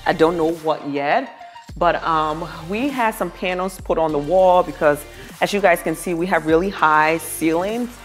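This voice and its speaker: A woman vlogger with a low-pitched voice talks casually to her viewers. She gushes admiringly in the manner of a home makeover reveal, with music playing behind her. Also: unhurried. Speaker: vlogger giving a home tour. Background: background music.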